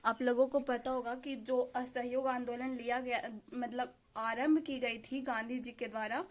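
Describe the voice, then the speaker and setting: A woman's voice: fairly high pitch, steady tone, normal speed. A young woman from India chatting casually in a home vlog, rambling with fillers while she cooks and studies. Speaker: vlogger, exam aspirant. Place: home kitchen and study table.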